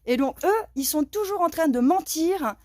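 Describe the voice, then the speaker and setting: A woman's voice: high voice, animated, moderate pace, warm tone, no echo. A woman from Lorraine, France, in her thirties, talking to her viewers in an indignant, emphatic, chatty monologue. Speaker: vlogger.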